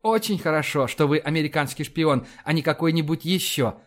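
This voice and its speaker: A sharp-tongued woman officer who mocks everyone around her with cocky ease, pitched a little high. She comes from a spoken audiobook, voiced by a male narrator. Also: fairly quick, natural voice. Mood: teasing. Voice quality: teasing, cocky.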